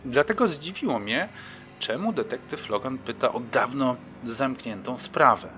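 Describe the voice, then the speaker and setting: Bright-voiced man narrating an audiobook. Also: medium pitch, animated, a little slow, soft background music. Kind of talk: first-person audiobook narration.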